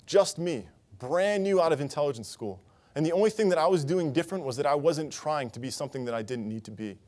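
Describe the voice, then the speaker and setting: Fast-talking young man giving a talk. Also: fairly high pitch, expressive, a little mellow. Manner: earnest personal storytelling. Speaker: conference speaker. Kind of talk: conference talk. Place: conference stage.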